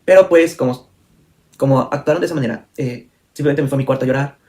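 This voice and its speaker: Fast-talking young man confiding. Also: medium pitch, darkish tone. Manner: fast, candid, full of fillers and self-corrections. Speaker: vlogger. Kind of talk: personal storytime.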